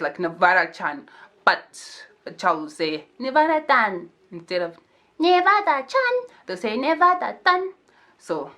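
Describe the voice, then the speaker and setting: A woman's voice: lowish voice, fairly bright tone. A young woman telling a true crime story to camera in a casual, chatty way, full of "like" fillers and slangy asides. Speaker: true crime and makeup YouTuber.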